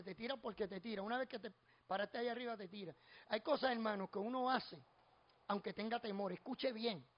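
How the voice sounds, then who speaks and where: A middle-aged man with a Puerto Rican accent preaches with a strikingly high voice. He tells homely stories and climbs into fervent, repeated refrains. The recording sounds dull and lo-fi. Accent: Puerto Rican Spanish. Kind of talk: expository sermon with personal stories.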